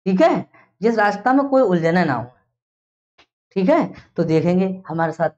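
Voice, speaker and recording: A woman's voice: fairly low pitch, animated, moderate pace, a little mellow. A woman teacher giving a classroom lecture, explaining step by step and drilling her students with repeated questions. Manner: explains step by step, checks understanding often. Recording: dull lo-fi classroom recording.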